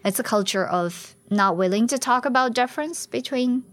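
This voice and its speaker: A female researcher, a guest in an academic interview, explains her work thoughtfully and often restarts her sentences. Her voice is fairly high, her pace normal, and the recording dry.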